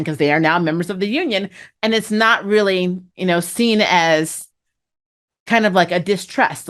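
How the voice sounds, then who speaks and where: Recapping a TV show for her fan review channel, this woman is chatty and slangy, gushing enthusiastically and sharing lots of opinions. She has a fairly low-pitched voice with a fairly bright tone.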